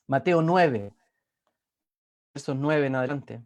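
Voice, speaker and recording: A man preaching a sermon as pastor, who repeats words for emphasis and reads scripture aloud. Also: medium pitch. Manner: repeats words for emphasis, rising and slowing on key phrases.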